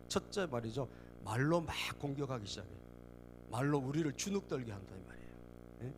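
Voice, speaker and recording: A man's voice: a little high, background noise. A middle-aged man preaching a sermon in a church, repeatedly prompting the congregation and acting out mocking voices. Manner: asks the congregation "예?" again and again; acts out mocking enemy voices. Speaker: pastor. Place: church sanctuary.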